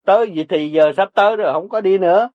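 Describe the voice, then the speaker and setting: An older man with a Southern Vietnamese accent preaches Buddhist practice in a blunt, folksy way, hammering his points through repetition. His voice sits high for a man. The recording is dry and dull, like a lo-fi tape. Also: quick pace, no echo. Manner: blunt, repetitive, urging, earthy. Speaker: Buddhist teacher. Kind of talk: folksy spiritual teaching to listeners.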